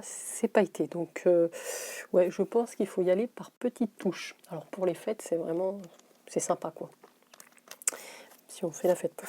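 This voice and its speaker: A woman's voice: lowish voice, dark tone. Chatty woman unboxing beauty products. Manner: chatty, laughs to herself, thinks aloud; slows to read labels, drops to a whisper on names. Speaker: beauty vlogger. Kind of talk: casual unboxing chat.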